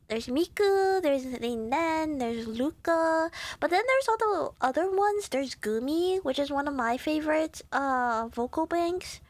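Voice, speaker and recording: A woman streaming live in casual chat, giddy and rambling with lots of fillers, sounding congested. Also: high voice.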